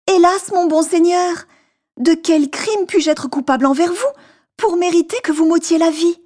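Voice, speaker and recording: A woman's voice: normal speed, darkish tone, natural voice. A woman voicing a terrified male merchant who pleads in a trembling, raised voice in a storybook reading. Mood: pleading. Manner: trembling, pleading, high-pitched.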